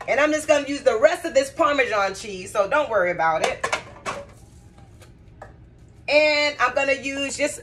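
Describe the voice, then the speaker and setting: A woman's voice: on the high side, fairly bright tone. A woman cooking at home and chatting casually to her viewers, often calling them guys and y'all as she works. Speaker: cooking vlogger. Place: home kitchen.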